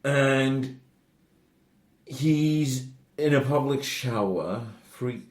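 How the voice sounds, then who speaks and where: With a mid-range voice and drawn-out words, a northern Norwegian podcast co-host trades casual banter, laughing as he speaks and often joking and cursing. The sound is reverberant.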